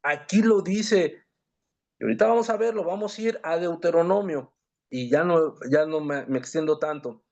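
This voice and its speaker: A man's voice: a little high, moderate pace, darkish tone, lo-fi sound. A man teaching a Bible class, earnestly reading scripture aloud and addressing his listeners as brothers.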